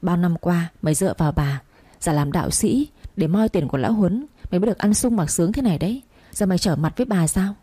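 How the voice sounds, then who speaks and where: A woman voicing a furious, scheming middle-aged second wife who scolds in rapid bursts. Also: on the low side, lively intonation, mellow, husky, no room sound.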